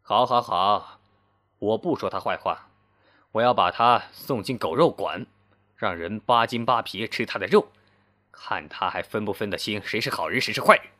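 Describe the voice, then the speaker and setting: A man's voice: mid-range voice, very animated, fairly quick, a bit bright. A man voicing a wealthy, scornful man of about thirty who bargains and threatens haughtily in a story reading. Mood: menacing.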